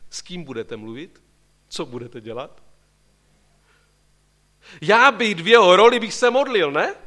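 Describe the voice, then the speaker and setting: A man preaching a sermon, asking his listeners questions and pulling them into the story. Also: medium pitch. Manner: animated, questioning the congregation directly.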